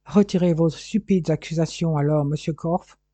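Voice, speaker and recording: Man putting on a loud boastful English detective. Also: fairly high pitch, normal speed, no echo, natural voice.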